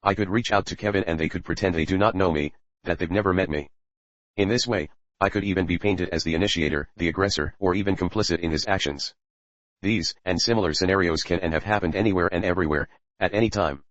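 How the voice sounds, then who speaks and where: A man speaks through a disguised, pitched-down voice that sits very deep. He reads a scripted anonymous statement in a measured, deliberate way. The sound is dull and lo-fi, dry, with no room around it. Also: no echo. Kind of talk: scripted first-person statement.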